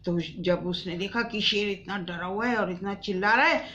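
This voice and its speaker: A woman telling a children's bedtime story, speaking gently and addressing the children directly. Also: medium pitch, normal speed, highs cut off, a little hiss or hum.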